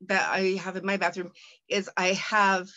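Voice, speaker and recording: A woman giving a casual product unboxing, talking in a chatty, rambling way with many fillers and restarts, sometimes reading product copy aloud haltingly. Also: medium pitch, level tone, bright, forceful tone. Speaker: product reviewer.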